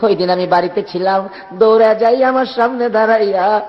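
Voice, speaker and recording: A man's voice: high voice, steady tone, moderate pace. Tearful man chanting a prayer sermon. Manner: tearful, pleading, chanting lines. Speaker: preacher leading prayer. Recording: lo-fi, echoey hall.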